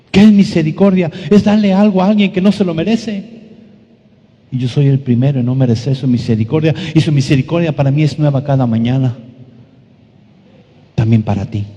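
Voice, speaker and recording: A man, preaching a sermon as pastor, asking rhetorical questions and dropping his voice low for emphasis. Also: mellow, slightly rough. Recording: long reverb of a church hall.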